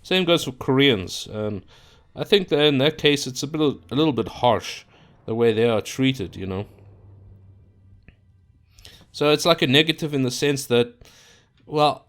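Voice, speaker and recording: Talking casually into the mic at his computer, this YouTuber from South Africa wanders through an off-the-cuff monologue, stumbling over fillers and restarts. His mid-range voice is animated but unhurried, broken by long pauses.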